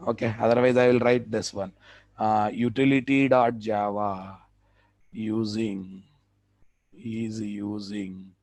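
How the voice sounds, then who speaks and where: A man with a Telugu Indian accent giving a live software tutorial as a trainer, repeating phrases for emphasis and checking that the class follows. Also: lowish voice, level tone, takes it slowly, dry recording.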